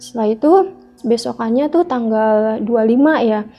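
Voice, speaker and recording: A woman's voice: a little high, moderate pace, warm tone. A woman telling a personal story in an interview, acting out the dialogue as she goes. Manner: re-enacts dialogue, filling speech with "gitu". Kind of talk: emotional first-person storytelling. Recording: dull lo-fi sound with faint background music.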